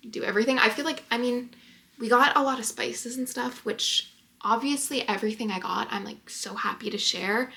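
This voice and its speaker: A woman in her early twenties vlogs casually to camera from a small apartment bedroom, chatty and rambling, with lots of filler "likes." Her medium-pitched voice is creaky and bright, with a forceful tone.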